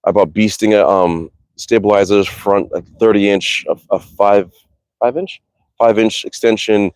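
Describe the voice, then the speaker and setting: A man's voice: fairly low pitch, a little mellow, no echo. A man livestreaming outdoors about his bows, talking casually, rambling and swearing freely as he reads viewer comments. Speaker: archery livestreamer. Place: outdoors in a cold, windy backyard.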